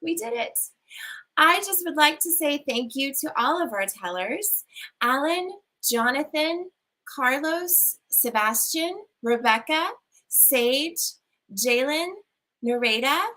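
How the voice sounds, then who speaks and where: A woman hosts a storytelling event and gives closing remarks. Her voice sits high and has a bright, forward sound. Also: expressive, slow pace, rough recording. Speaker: event host.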